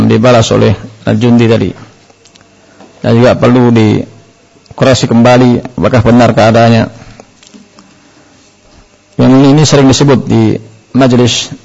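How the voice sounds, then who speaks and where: Gravelly man giving an Islamic Q&A lecture. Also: medium pitch, steady tone, darkish tone. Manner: unhurried, with frequent "nah" fillers. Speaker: Islamic teacher answering questions. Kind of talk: religious Q&A lecture. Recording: dull lo-fi lecture recording.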